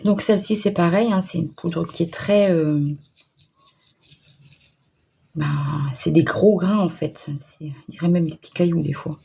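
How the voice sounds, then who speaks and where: A woman with a northern French accent talks viewers through a craft project, chatty and hesitant, pausing on fillers as she works. Her voice sits low, with a gravelly, mellow tone. A faint noise hums behind her. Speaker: crafting tutorial host. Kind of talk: casual craft demonstration.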